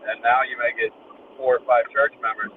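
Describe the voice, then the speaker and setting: A man chatting casually on a podcast through a thin, tinny, walkie-talkie-like sound with no bass, making lively joking remarks. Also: a little fast. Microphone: remote call mic without headphones. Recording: thin lo-fi remote mic, distant, noisy.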